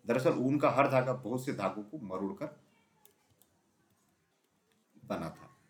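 A man's voice: mid-range voice, takes it slowly. Man reading a children's story aloud. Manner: steady, drops voice on dialogue tags. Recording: roomy echo.

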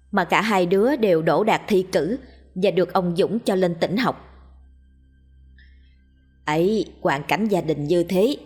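A woman narrating a scripted ghost story in an even, measured storytelling manner. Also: lowish voice, husky. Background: faint music.

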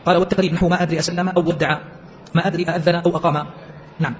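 Fast-talking man explaining a text. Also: on the high side, little pitch movement, highs cut off, slight background noise. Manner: rapid, explanatory, quotes verses in between. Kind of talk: classroom text commentary.

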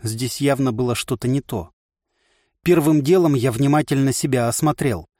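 A man's voice: medium pitch, moderate pace, a little mellow, dry recording, studio quality. A man narrating a first-person audiobook with a wry, sardonic delivery.

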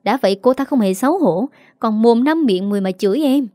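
A woman's voice: medium pitch, animated, normal speed, warm tone, no room sound, studio quality, close to an everyday voice. A woman reading as a sneering scheming young woman. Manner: sneering, mocking.

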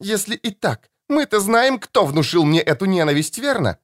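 A woman's voice: mid-range voice, big pitch swings, moderate pace, voice pushed up, lightly acted. A man reading an audiobook voices a furious young woman who is crying and out of breath, hurling bitter accusations at her father. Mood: furious, sobbing. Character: furious tearful young woman, narrator's daughter.

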